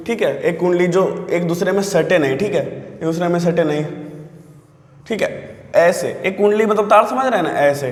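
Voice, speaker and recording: Male physics tutor, high voice, echoey room with long reverb. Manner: constantly checks understanding, repeating phrases, addresses viewers as sir. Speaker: physics teacher. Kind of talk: classroom physics lesson.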